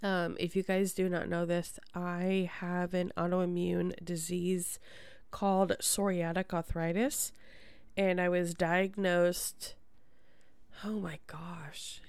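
A woman's voice: lowish voice, flat delivery, takes it slowly, a little mellow, clear, resonant tone, dry recording. A woman hosting a podcast in casual chat, with a congested, nasal voice and a chatty, rambling manner. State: congested from a sinus problem. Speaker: podcast host.

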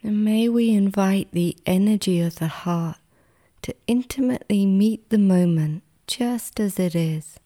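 Here a meditation guide, female, talks listeners into relaxation like someone telling a sleep story. Her medium-pitched voice is soft and gentle, soothing, occasionally breathy, and she leaves long pauses.

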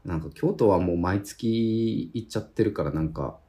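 A man from Tohoku in Japan with a slightly husky voice, chatting casually as a podcast co-host. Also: deep voice, moderate pace, dark tone. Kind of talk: casual chat.

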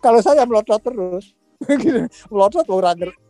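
An older man in his sixties, hosts a relaxed chat and tells stories with animated acted-out quotes and frequent laughter. His voice is warm and mellow, recorded dry and close with faint music beneath. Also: high-pitched, normal speed, dry recording. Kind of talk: casual storytelling chat.

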